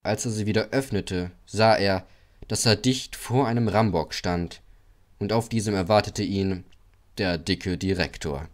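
A man narrating a children's audiobook with a lively, expressive reading. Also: lowish voice, unhurried.

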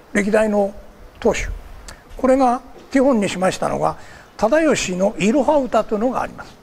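An older man from Kagoshima, Japan, gives a formal public lecture, polite and digressive, filling the gaps between phrases with many fillers. His voice is high-pitched with vocal fry, a darkish tone and slight roughness.

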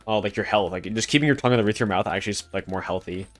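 A young male streamer talks casually and rambles through a live co-op game, tossing in fillers and half-finished thoughts. His voice sits a little low, with soft game music playing faintly underneath. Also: very fast. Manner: rambling, filler-heavy, talking to chat. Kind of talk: casual live gameplay commentary.

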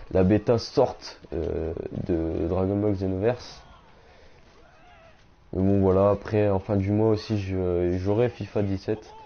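A young man chatting casually on a game live stream, reading out viewers' messages and answering them in slangy, relaxed talk. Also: fairly low pitch. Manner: slangy, reads chat aloud and answers viewers. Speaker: gaming streamer. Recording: dull lo-fi stream audio.

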